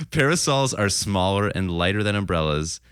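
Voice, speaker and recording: A man's voice: fairly low pitch, very animated, measured pace, a bit bright, clean tone, dry recording, clean studio sound. A Canadian man co-hosting a podcast in a playful, self-mocking casual chat. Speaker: podcast co-host.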